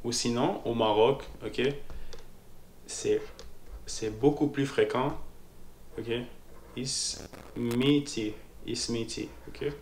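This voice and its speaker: A man's voice: medium pitch, slow, pauses often, a little mellow. A man teaching a casual spoken language lesson, hesitant, repeating his words and often checking in with "ok?". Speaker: Moroccan Arabic teacher. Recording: echoey room with faint noise.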